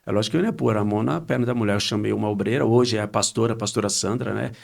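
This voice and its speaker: Gravelly-voiced pastor telling a testimony. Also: male voice, very fast. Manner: animated retelling with quoted dialogue, rising pitch when excited. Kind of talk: storytelling a testimony on a podcast.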